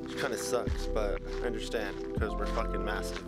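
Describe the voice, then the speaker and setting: A man's voice: fairly low pitch, level tone, normal speed, distant mic, loud music behind the voice. Laid-back young man vlogging outdoors. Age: young adult. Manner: laid-back, rambling, swears casually. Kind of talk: casual vlog chat. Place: outdoors on a hiking trail. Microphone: camera held at arm's length.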